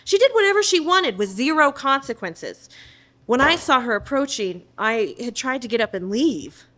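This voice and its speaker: A woman's voice: high voice, sing-song, moderate pace, fairly bright tone. A woman playing a shy, lonely teenage student recounting a haunting in a radio drama. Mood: subdued. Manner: shaky recollection.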